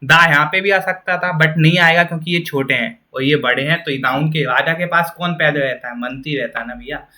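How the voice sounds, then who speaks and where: A man teaching grammar in a classroom style. He keeps asking the class questions and answers them himself, and he reads the example sentences very slowly. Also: on the high side, sharp tone.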